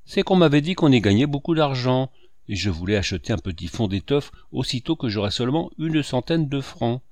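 A man's voice: mid-range voice, big pitch swings, brisk, darkish tone, no room sound, close to an everyday voice. A man voicing a frightened sixteen-year-old peddler boy, timid and pleading. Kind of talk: audiobook character reading.

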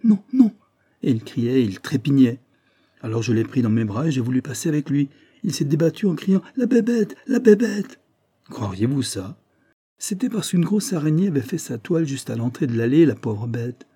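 A man voicing a simple, chatty male gardener recounting an anecdote, jumping high to mimic a child's cries. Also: animated, fairly quick, warm tone, slightly rough, dry recording, studio quality.

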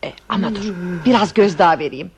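A woman's voice: mid-range voice, animated, a little fast, a little mellow, a little hiss or hum, lightly acted. An actress playing a scheming wife in a radio play, cooing syrupy endearments at her husband. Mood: coaxing. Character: scheming wife feigning doting tenderness.

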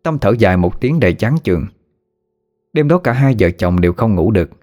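Low-voiced man narrating a ghost story. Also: lively intonation, brisk, darkish tone. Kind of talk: scripted horror story narration. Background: faint music.

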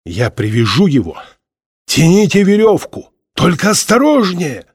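A man voicing a brave young male leader who shouts urgent, commanding orders. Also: mid-range voice, animated, normal speed, dry recording, studio quality, close to an everyday voice.

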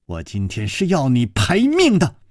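A man voicing a shrill, furious middle-aged mother who hurls accusations. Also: huge pitch swings, normal speed, dry recording, studio quality. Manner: sharp, accusing.

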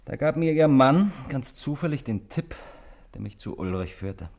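In a 1960s German radio drama, an actor with a mid-range voice plays a calm, weary man confessing to murder. His delivery is measured and wryly resigned.

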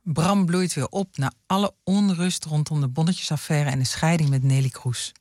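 Gentle higher-voiced male interviewer. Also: normal speed, dry recording, studio quality. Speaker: interviewer and narrator. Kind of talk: radio documentary interview with scripted narration.

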